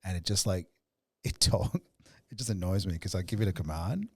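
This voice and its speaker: A man hosting a podcast, talking in a relaxed, conversational way and laughing along. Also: deep voice, fairly quick, slightly rough, no echo, clean studio sound. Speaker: podcast host. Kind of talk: casual chat and read ad.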